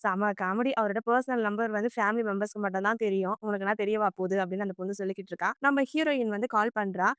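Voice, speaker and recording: A woman retelling a film in quick, chatty storytelling and voicing each character herself. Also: medium pitch, a bit bright, clean tone, no room sound, clean studio sound. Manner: rapid chatty storytelling, filled with the word 'vandhu'. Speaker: movie recap narrator.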